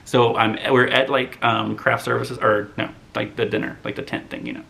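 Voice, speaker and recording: A man in his thirties chatting casually to camera as a movie vlogger, rambling and animated, full of "like". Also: mid-range voice, normal speed, vocal fry.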